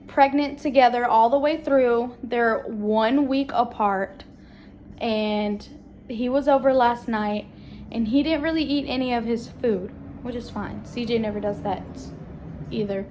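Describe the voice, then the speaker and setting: At home indoors, a young family vlogger talks to her phone camera in a fairly high, darkish voice at a measured pace, with slight background noise. She's chatty and rambling with her viewers, using a southern-tinged "y'all."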